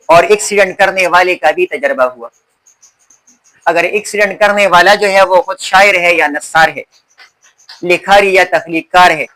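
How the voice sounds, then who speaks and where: A man with a high, bright voice gives a lecture as a teacher. He keeps asking questions and answering them himself. He lingers on key words, repeating them slowly and carefully. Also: poor audio. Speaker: Urdu teacher. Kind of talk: classroom-style lecture.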